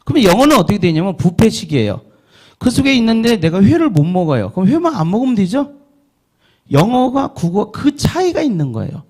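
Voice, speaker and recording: A man's voice: sits high, sing-song, fairly quick, a little mellow. A middle-aged man lecturing an audience on learning English. He asks the listeners questions, answers them himself, and drills vowel sounds aloud.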